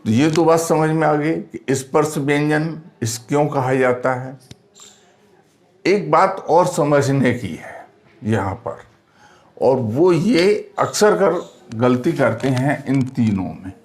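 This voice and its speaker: A man teaching a pronunciation lesson at an unhurried, very slow pace. He draws out each sound deliberately and spells the letters out one at a time. He asks the class questions and answers them himself. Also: mid-range voice, expressive, a little mellow.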